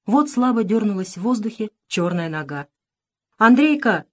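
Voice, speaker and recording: A woman narrating an audiobook story, dramatic and lively, lifting her voice for shouted lines. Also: moderate pace. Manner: dramatic, raising pitch and volume for shouted dialogue.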